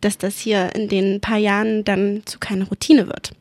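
A woman's voice: medium pitch, flat delivery, normal speed, a little mellow. A woman in her twenties co-hosting a podcast, chatting playfully and giggling. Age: 20s. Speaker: podcast co-host. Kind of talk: casual podcast chat.

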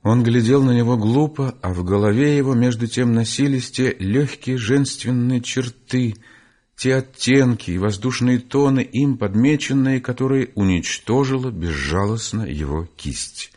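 A man reads a classic novel aloud. His voice sits in an ordinary middle range. The delivery is measured and unhurried. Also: medium pitch, darkish tone. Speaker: audiobook narrator. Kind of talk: classic literature audiobook reading.

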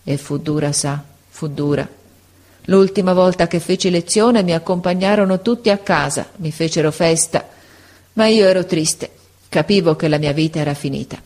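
A woman voicing a frail, gentle old male schoolteacher in an audiobook, speaking slowly and tenderly. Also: fairly low pitch. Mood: sorrowful. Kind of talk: audiobook character voice.

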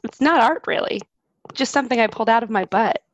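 A woman putting on a goofy caption-reader voice, pitched up and silly. It comes out quick and playful, with a put-on comic lilt. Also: no room sound, dull audio, lightly acted. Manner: silly put-on funny voice, giggling.

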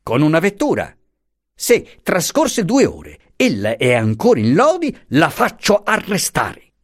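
A man's voice: fairly high pitch, huge pitch swings, a little slow, voice pushed up, heavily acted. A man reading aloud and voicing an insolent male police commissioner who barks brusque, threatening orders. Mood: bullying contempt.

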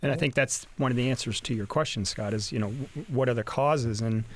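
A man's voice: medium pitch, a little fast. A man speaking as a university representative on a radio show, rambling a bit, with many fillers and restarts. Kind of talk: radio interview.

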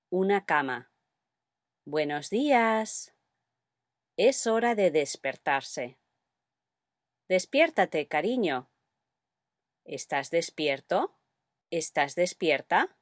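A woman speaks to toddlers in a very slow, gentle, sing-song lesson. Her voice sits a little low but swoops up and down a lot. She is recorded close and dry, with no room sound. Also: no echo. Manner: gentle and soothing, with simple repeated phrases. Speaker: early-learning teacher for toddlers. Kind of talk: slow, sing-song teaching for small children.

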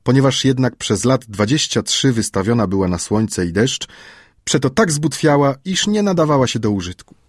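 A man reading an audiobook chapter in a measured, old-fashioned storytelling manner. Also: mid-range voice, breathy edge, no room sound, clean studio sound. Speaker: audiobook narrator. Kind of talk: scripted audiobook narration.

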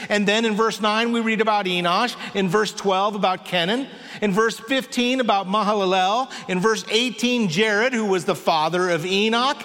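A man preaching a sermon in a church in an unhurried, conversational way with dry touches of humor. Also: high-pitched, a bit bright. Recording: long reverb of a large hall.

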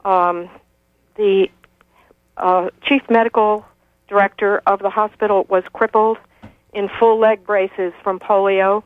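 A woman's voice: mid-range voice, steady tone, slow pace, pauses often, no echo. A woman in her sixties calling in to a radio show over a clipped telephone line, insistent and lecturing, with frequent hesitations. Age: 60s. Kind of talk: call-in radio talk.

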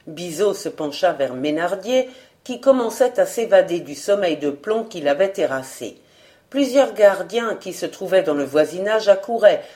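Woman audiobook narrator, low register, mellow tone, steady storytelling.

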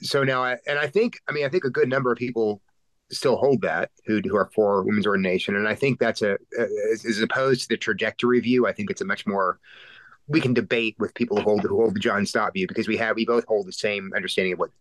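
A man with a lowish voice talks through theology as a pastor on a podcast. He is sick, and he explains things conversationally, restarting his phrases as he goes. The sound is dry, with little room in it. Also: steady tone, fast talker, no room sound. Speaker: podcast co-host and Anglican pastor.

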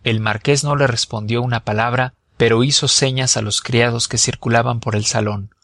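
A man reading a novel aloud as an audiobook narrator, measured and expressive. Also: medium pitch, no echo, clean studio sound. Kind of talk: scripted narration.

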